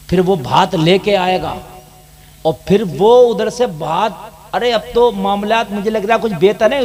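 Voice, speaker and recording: Brief: male preacher from India, very high voice, fiery sermon delivery that swells into shouting. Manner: fiery, rising to shouts, addressing the crowd directly. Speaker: mufti preacher. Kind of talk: sermon to a gathering.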